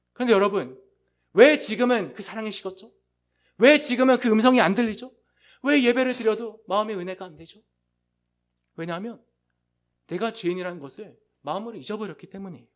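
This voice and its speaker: Middle-aged male pastor, high voice, fervent sermon delivery that swells loud and drops to a hush. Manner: impassioned preaching with sharp rises and hushed drops.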